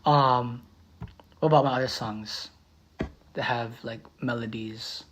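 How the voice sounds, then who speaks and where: A beatboxer and musician chatting casually on a livestream, repeating titles slowly and humming melodies. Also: medium pitch, fairly even intonation.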